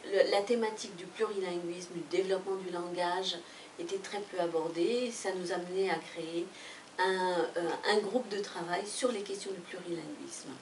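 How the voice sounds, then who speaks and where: A Spanish-speaking woman presents a book as director of an association, her lowish voice steady and at normal speed. She hesitates, using many fillers and restarts. The recording is far off in an echoey room, with a slight hiss or hum.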